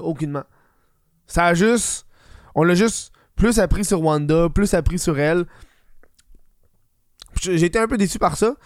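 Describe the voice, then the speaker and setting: A Quebec-accented man with a fairly high voice chats as a solo podcast host. His talk is informal and sweary, sprinkled with English slang. The recording is dry, free of room echo. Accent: Quebec French. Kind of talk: casual podcast chat.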